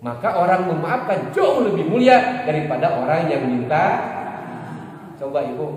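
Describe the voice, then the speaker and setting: A man's voice: fairly high pitch, normal speed, a little mellow. A man with a Sundanese accent preaching a mosque Quran study, chatting and bantering with the congregation. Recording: echoey mosque hall, faint hiss.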